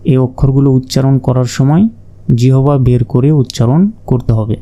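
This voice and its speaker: A man teaching Quran reading, slowly naming and repeating each Arabic letter and explaining how to pronounce it. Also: medium pitch, level tone, dark tone. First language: Bengali. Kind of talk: slow letter-by-letter pronunciation lesson.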